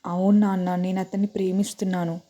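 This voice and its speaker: A woman's voice: on the low side, flat delivery, quick pace, mellow, natural voice. A woman voicing a young daughter, tearful and pleading with her father.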